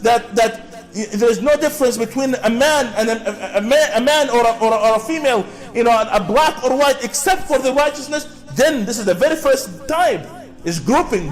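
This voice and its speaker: Man, high-pitched voice, public lecture, rhetorical questions, call-and-response with audience, repetitive phrasing, faint background music. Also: lively intonation, brisk. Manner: asks rhetorical questions and answers them; repetitive, with frequent restarts.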